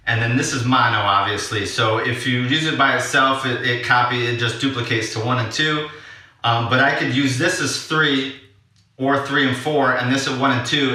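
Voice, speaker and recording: This audio drama maker, working as a vlog host, shows off his gear in an off-the-cuff, casual way. His mid-range voice comes across bright and forceful, captured at a distance in a heavily echoing room.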